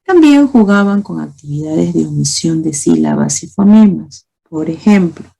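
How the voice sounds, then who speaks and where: A woman's voice: low voice, lively intonation, normal speed, vocal fry, mellow, slightly rough. A woman teacher giving a lecture to other teachers, explaining with spoken examples and rhetorical questions and often asking "¿no?". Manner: often asks "¿no?" to check understanding. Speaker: teacher speaking to fellow teachers. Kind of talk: recorded lecture on early reading.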